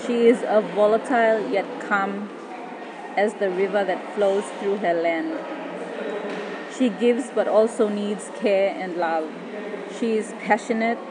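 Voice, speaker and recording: A woman's voice: mid-range voice, slow, noisy background. A woman with a Papua New Guinean accent performing spoken-word poetry in Papua New Guinea pidgin.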